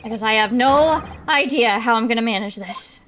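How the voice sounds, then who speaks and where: A woman voicing an earnest, nervous young male defense lawyer, speaking in a reflective, quiet way. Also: on the high side, normal speed, slight background noise, lightly acted.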